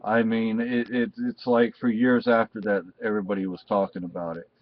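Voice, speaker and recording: This middle-aged American man reviews videos in loose, unplanned talk, wandering and stopping to restart sentences again and again. His voice is lowish and flat, and the highs are cut off.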